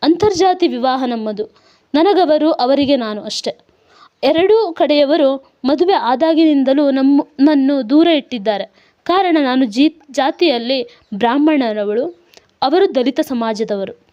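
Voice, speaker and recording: A woman's voice: sits high, animated, takes it slowly, warm tone. A woman voicing a sorrowful middle-aged woman who tells her past in a tearful, reflective way. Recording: dull lo-fi recording.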